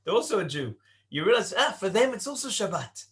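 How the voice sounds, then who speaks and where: A man raised in Britain teaching a Torah class to young adults in a conversational way, asking rhetorical questions and slowing down to stress points. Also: sits high, very animated, a bit bright. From Britain (born in Leicester, raised in Cardiff).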